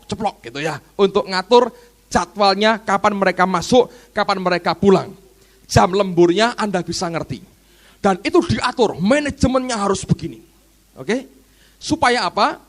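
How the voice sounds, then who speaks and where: A male pastor preaches with animated energy, often turning to address the congregation directly. His voice sits high and swings widely in pitch. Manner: animated preaching, frequently addressing listeners as "saudara". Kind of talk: sermon.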